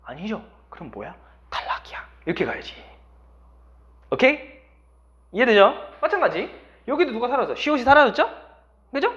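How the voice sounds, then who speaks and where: A male teacher with a fairly high voice that swings up and down as he lectures, firing question after question at his class. The recording is slightly dull and lo-fi. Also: moderate pace, long pauses. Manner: lively, constantly quizzing students. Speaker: Korean language teacher.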